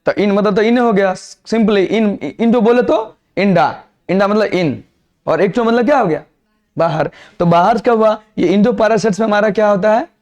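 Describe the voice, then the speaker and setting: A man's voice: high-pitched, normal speed, darkish tone, lo-fi sound. A man teaching a biology class, lecturing in a mix of Hindi and English and quizzing students with repeated questions.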